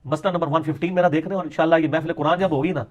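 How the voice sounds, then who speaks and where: High-voiced man lecturing sarcastically. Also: steady tone, lo-fi sound. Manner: sarcastic, mocking, lapses into Punjabi quips. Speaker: religious speaker. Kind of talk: polemical religious lecture.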